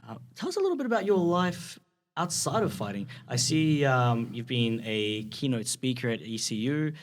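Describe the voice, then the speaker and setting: A man's voice: medium pitch, sing-song, moderate pace. A man hosting a podcast, asking casual questions that ramble and trail off. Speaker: podcast host. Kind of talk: casual interview talk.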